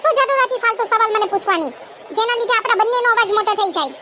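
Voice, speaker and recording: A bossy, sharp-tongued young wife from a cartoon, played by a woman, scolding and taunting. Her voice is very high and piercing. A hissing background runs under it. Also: rapid-fire. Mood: angry. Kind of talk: cartoon voice acting. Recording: noisy background hiss.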